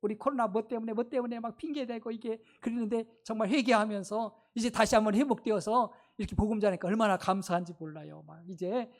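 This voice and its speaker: A woman pastor giving an emphatic, exclamatory Sunday sermon with many fillers, then praying in soft, low tones. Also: fairly even intonation, quick pace, few pauses. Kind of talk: fervent Sunday sermon and prayer.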